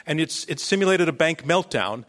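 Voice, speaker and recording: A man's voice: fairly high pitch, lively intonation, fairly quick, fairly bright tone. A man hosting a live debate on stage as moderator, introducing and questioning guests, with an audience behind him.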